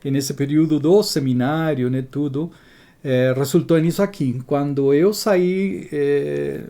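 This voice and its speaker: A man in his sixties from Chile, telling his life story as an interview guest in a measured way, often adding tag questions. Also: fairly high pitch, steady tone, creaky, mellow. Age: 60s.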